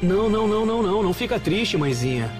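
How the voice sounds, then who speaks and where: An actor dubbing a devoted, anxious young son who talks earnestly. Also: male voice, high-pitched, very animated, over music. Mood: tender. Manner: earnest, quick-talking. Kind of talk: dubbed telenovela acting.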